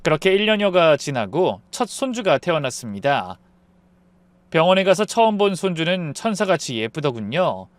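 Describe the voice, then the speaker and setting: Man with a pretty high voice reading a sad family story, calm and rueful, dry close sound. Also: moderate pace, no room sound. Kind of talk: scripted first-person story narration.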